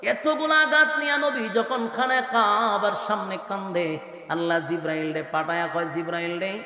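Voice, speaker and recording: A man, preaching a sung sermon with Quranic recitation, swinging from loud cries to soft murmurs. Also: high voice, moderate pace. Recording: echoey hall with faint music.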